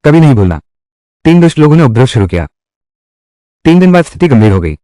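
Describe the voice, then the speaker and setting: A man narrating a dubbed costume drama in a dramatic, expressive storytelling voice. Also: mid-range voice, fast talker, no room sound, studio quality. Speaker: narrator and dubbing voice.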